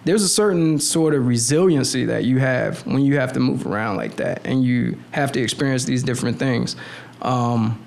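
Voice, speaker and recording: A young man telling stories in a relaxed podcast chat, full of slang and restarts, at a boom mic in a small studio room. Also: normal speed, gravelly. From Navy brat, born in the Philippines, lived in Miami. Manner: animated storyteller with frequent restarts and slang. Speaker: podcast guest, clothing designer. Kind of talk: casual podcast conversation. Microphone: boom mic on arm at the table.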